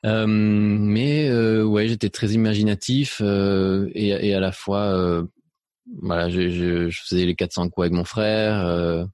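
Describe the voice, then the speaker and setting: The clip is a dry, clean studio recording of a middle-aged Spaniard being interviewed about his life. He has a mixed French accent with a slight Belgian touch and a fairly low, somewhat mellow voice with a steady tone. Unhurried but hesitant, he fills his speech with fillers and restarts.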